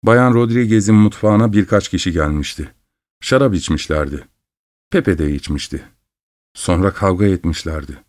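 Low-voiced man narrating a story. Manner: measured, unhurried storytelling. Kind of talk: scripted literary narration.

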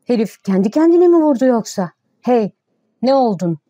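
A coarse, scornful male soldier bellows curses in a storybook reading, as a woman puts him on. His voice sits higher and louder than the narration. The sound is mellow and dry. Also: big pitch swings, normal speed, dry recording, muffled recording. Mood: angry shouting. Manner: shouting curses.

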